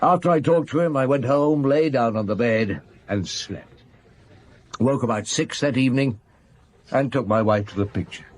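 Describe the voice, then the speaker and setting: A man's voice: medium pitch, moderate pace, lightly acted. Inspector Maigret, weary British police chief, played by a man. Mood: tired, reflective. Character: weary, shrewd male chief police inspector, relentless in questioning. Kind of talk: radio drama acting.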